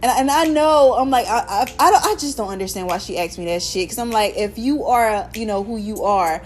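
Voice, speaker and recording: A woman's voice: mid-range voice, a little fast, faint music behind. A young American woman hosting her own podcast, talking casually and candidly with lots of slang and swearing while telling stories. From United States. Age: young adult. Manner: candid, profane, animated storytelling with slang. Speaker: podcast host. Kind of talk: casual solo podcast chat.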